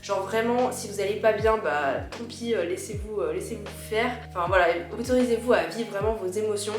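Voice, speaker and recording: A woman's voice: medium pitch, brisk. A woman with a slightly worn voice, explaining personal advice informally and chattily to her viewers. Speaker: video creator giving personal advice. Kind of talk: casual advice vlog, chatty. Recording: roomy echo with music behind.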